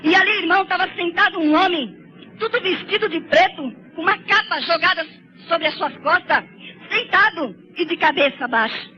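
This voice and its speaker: A woman's voice: very high-pitched, moderate pace. A woman gives a fervent, tearful testimony sermon and keeps calling her listeners brothers. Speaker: church sister giving a testimony. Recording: slightly dull lo-fi recording with faint noise.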